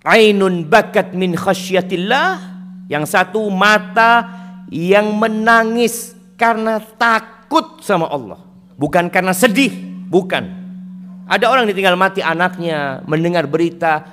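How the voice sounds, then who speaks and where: A man with an Indonesian accent preaching a sermon, telling stories and acting out quoted voices, dropping to whispers and rising to emphatic peaks, reciting Arabic slowly. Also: sits high, a bit bright, faint music behind. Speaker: Islamic preacher.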